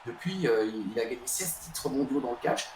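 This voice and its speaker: A man co-commentating fights with teasing, wry remarks and sudden loud announcer-style calls. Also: medium pitch, animated, brisk. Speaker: guest co-commentator. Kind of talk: playful live-stream fight commentary. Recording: echoey room with faint noise.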